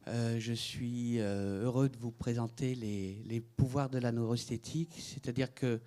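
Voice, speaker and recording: Slow, halting man with a smooth voice. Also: medium pitch, fairly even intonation, mellow. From France. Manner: hesitant, many fillers and restarts. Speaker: artist giving a talk. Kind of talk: conference presentation.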